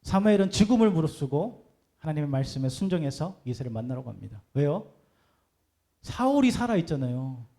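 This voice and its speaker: A man's voice: on the high side, dark tone. A man preaching a sermon as pastor, talking conversationally and putting rhetorical questions to the congregation.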